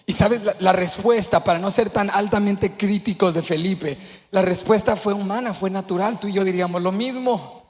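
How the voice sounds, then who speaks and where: A man preaching with a high, ringing voice that carries through a big church hall, its reverb trailing long behind him. His delivery is impassioned, jumping from loud shouts to quiet, intimate asides. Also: normal speed. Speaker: pastor. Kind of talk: Spanish-language sermon. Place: large church sanctuary.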